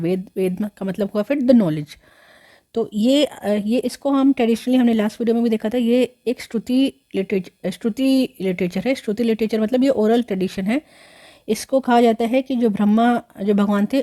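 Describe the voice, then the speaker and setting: A history teacher, a woman with a medium-pitched, dark voice, delivers an explanatory lecture. She works through the material step by step, using plenty of fillers, correcting herself, and slipping English words into her speech.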